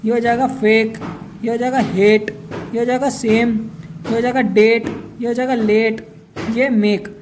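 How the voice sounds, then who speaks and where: A woman's voice: on the high side, dark tone. A woman teaching a spoken English lesson, asking questions and answering them herself and spelling out example words letter by letter.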